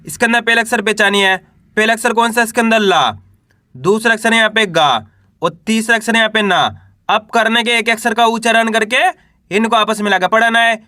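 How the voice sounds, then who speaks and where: A man's voice: high-pitched, steady tone, a little fast, sharp tone, dry recording, clean studio sound. A man teaching Hindi reading in an online lesson, sounding out letters one by one and asking learners to repeat each word.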